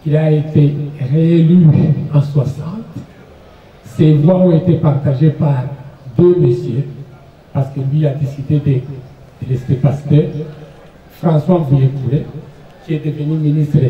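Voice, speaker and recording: Insistent man in an echoey courtroom. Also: on the high side. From Congo. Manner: insistent, repeats himself for emphasis. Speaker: defendant testifying in court. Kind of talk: courtroom testimony. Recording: echoey, tinny, from far off.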